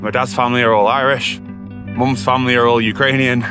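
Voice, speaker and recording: A man's voice: mid-range voice, fairly even intonation, brisk. A man from England, talking earnestly and casually about belonging. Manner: earnest, rambling, sincere. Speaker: interviewee. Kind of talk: casual reflective chat. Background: music.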